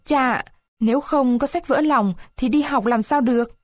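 A woman voicing a lively, mischievous wooden puppet boy in a storybook reading, with a high childish voice. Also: a little slow, no room sound, studio quality. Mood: earnest childlike. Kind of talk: storybook read-aloud.

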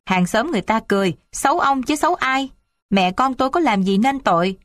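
A woman's voice: on the high side, animated, brisk, no room sound, pitched above the performer's own voice, close to an everyday voice. A woman voicing a tired middle-aged mother who pleads with and reproaches her family. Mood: reproachful.

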